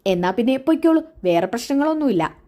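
A woman voicing a calm woman doctor who speaks slowly and reassures a patient. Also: on the high side. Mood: reassuring. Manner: slow and measured.

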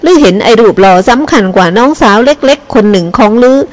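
A woman's voice: a little high, animated, quick pace, pitched above the performer's own voice, natural voice. A woman reading as a furious old father. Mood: bitter scolding. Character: angry grieving old father, scolding harshly.

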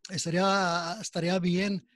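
A man's voice: high voice, flat delivery, normal speed, a bit bright, no echo. Polite hesitant male host. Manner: polite, formal usted, hesitant restarts. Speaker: interview host. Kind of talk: interview talk.

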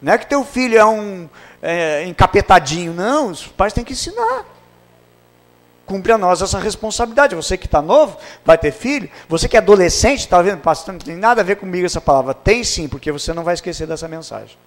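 A middle-aged male pastor, preaching a sermon and telling family stories with acted dialogue, swinging from loud to hushed. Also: high-pitched, expressive, a little fast. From Brazil.

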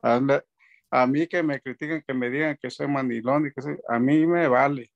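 On a muffled webcam recording from his home, a band keyboardist in his fifties talks as a guest in a gravelly, medium-pitched voice. His pace is moderate and his intonation fairly even, and his casual chat rambles with frequent fillers and restarts.

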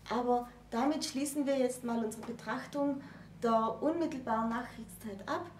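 Talking to camera as a book-presenting co-host, a woman in her thirties speaks at a moderate pace in a fairly high voice. The distant microphone in the bookshelf-lined indoor room yields a roomy echo with a touch of hiss or hum.

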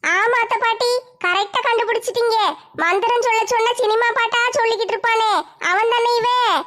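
A woman acting in a village comedy sketch with a shrill, scolding manner. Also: fairly even intonation, fairly quick, fairly bright tone. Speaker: comic sketch performer.

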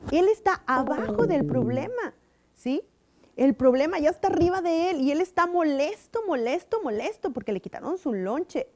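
A woman giving an animated object lesson to children, often asking them questions. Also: sits high. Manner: animated, sing-song, asks kids questions. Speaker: children's church teacher.

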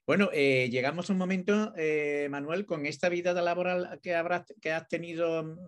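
A man from Spain hosts a relaxed interview. He searches for words, with many fillers and restarts. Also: on the high side, moderate pace. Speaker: interviewer, host. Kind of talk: casual interview.

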